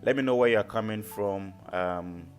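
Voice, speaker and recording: A man from Ghana with a fairly low voice speaks at a normal pace over soft background music. As a forex trading educator hosting a live stream, he teaches a trading lesson and analyzes the market, repeating his phrases and often checking in with listeners.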